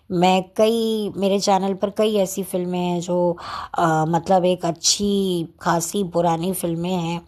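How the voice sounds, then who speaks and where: Woman vlogger, unscripted film-chat channel, slow, deliberate, chatty delivery. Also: mid-range voice, darkish tone. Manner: slow, deliberate and chatty, speaking without notes. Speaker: YouTuber reviewing films. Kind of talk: unscripted talk to camera.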